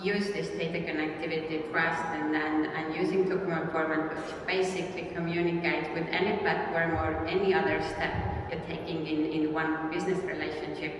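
A woman's voice: low-pitched, little pitch movement, normal speed, hardly any pauses, noisy background. A woman on a conference panel, answering hesitantly with many fillers. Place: large conference hall. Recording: echoey hall recorded from far off.

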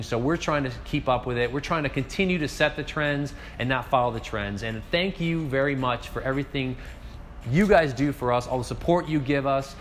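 A northeast Ohio restaurant owner in his forties sits in his empty bar facing a camera at mid distance, giving an upbeat, casual year recap and gesturing with his hands. His voice is mid-range, with slight background noise.

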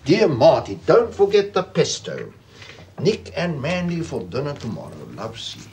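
A smug, taunting interrogator. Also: male voice, on the high side, huge pitch swings, normal speed, darkish tone, a little hiss or hum. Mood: menacing mockery. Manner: mocking, coolly bureaucratic. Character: smug menacing apartheid-era male police interrogator. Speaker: security police interrogator.

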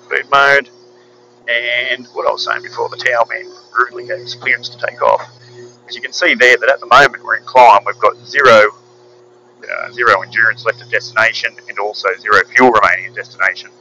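A man, a pilot calmly explaining the autopilot from the cockpit over a headset. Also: mid-range voice, slight background noise, rough recording. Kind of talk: cockpit walkthrough narration. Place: small aircraft cockpit in flight.

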